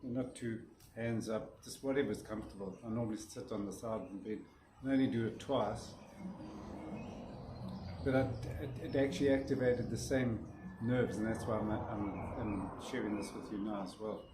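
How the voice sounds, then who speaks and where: A man's voice: fairly low pitch, steady tone, normal speed. A man casually demonstrating a breathing exercise, often restarting his sentences and yawning. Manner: rambling, restarts sentences, yawns. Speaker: breathwork teacher. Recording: roomy echo with faint noise.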